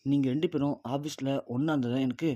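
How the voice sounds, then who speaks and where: A man's voice: medium pitch, steady tone, brisk, mellow, no echo, dull audio, lightly acted. A man reading a scheming accusing older sister. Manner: insistent, accusing. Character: scheming woman, an elder sister who accuses.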